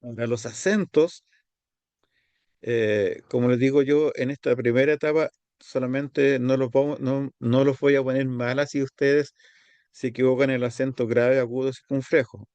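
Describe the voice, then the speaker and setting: A male teacher talks through a Greek grammar lesson. He goes step by step and repeats each word form slowly. The sound is dry and close, with no room echo. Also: medium pitch, darkish tone. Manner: explains step by step, repeats words slowly, pauses to find his page.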